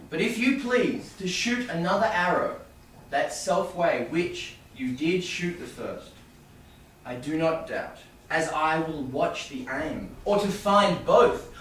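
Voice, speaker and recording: A man as slow, swooping Bassanio, very echoey. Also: fairly bright tone, full character voice. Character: Bassanio, ardent young Venetian gentleman in debt. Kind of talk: Shakespearean staged reading. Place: reverberant room, staged reading. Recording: very echoey room, distant, faint noise.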